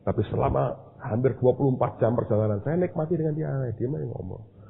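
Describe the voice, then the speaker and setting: Husky Indonesian pastor preaching. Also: male voice, mid-range voice, a little fast. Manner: animated storytelling, acting out voices. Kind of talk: sermon storytelling. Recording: husky phone-like sermon recording.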